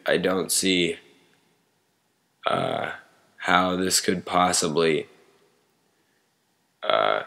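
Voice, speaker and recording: A man giving casual, unscripted sports commentary to online viewers in a halting way, searching for words. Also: deep voice, fairly bright tone.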